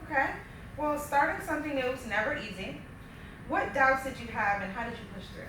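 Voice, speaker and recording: A woman's voice: high voice, animated, a little fast. A woman hosting a talk show, presenting and interviewing in an upbeat, affirming way. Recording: very echoey room, distant mic, faint noise.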